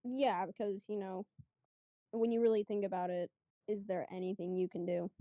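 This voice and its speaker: A woman's voice: medium pitch, fairly even intonation, normal speed, warm tone, no echo, lo-fi sound. A woman telling a podcast interviewer a personal story in a casual, chatty way, acting out what people said. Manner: chatty, lots of fillers, acts out quotes. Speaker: guest.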